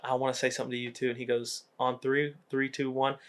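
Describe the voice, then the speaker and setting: Young male podcast co-host, laid-back, animated storyteller who acts out the quotes. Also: medium pitch, fast. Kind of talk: casual chat, retelling movie scenes.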